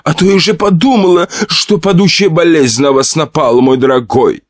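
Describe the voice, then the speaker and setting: A man voicing a fussy, flirtatious middle-aged noblewoman in a horror audiobook, with a playful, excitable manner. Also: a little high, brisk, no room sound, studio quality, pitched above the performer's own voice, lightly acted.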